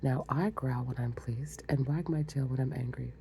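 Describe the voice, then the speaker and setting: A sly, grinning cat speaks in whispered role-play, put on by a woman reading a storybook. The voice is very low and mellow, slow and hushed, with a faint hiss of room noise behind it. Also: gravelly. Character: grinning sly male cat, calm and riddling.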